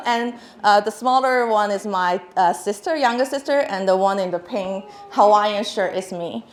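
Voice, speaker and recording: A Hong Kong woman in her thirties, with the accent to match, talks casually on stage in a large hall full of people, and the recording echoes. Her voice is mid-range at a normal speed, with slight background noise, and she's chatty and laughing, often using fillers and starting over.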